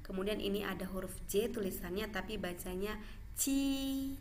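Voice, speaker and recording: A woman's voice: medium pitch, little pitch movement, a little hiss or hum. A woman teaching Mandarin pronunciation in a classroom style, stretching out model syllables and checking in with "ya". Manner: slow, drawn-out model syllables with frequent "ya" check-ins.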